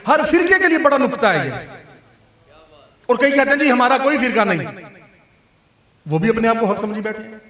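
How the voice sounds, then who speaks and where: A man's voice: very high-pitched, bright, forceful tone. A man preaching a religious sermon in a conversational way, often addressing listeners directly. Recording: echoey hall, voice from far off.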